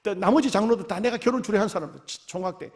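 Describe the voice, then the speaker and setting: Older pastor preaching a revival, high voice, folksy, goes loud then drops way quiet. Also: male voice, quick pace. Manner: folksy, swings between loud bursts and quiet asides. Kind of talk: revival sermon storytelling.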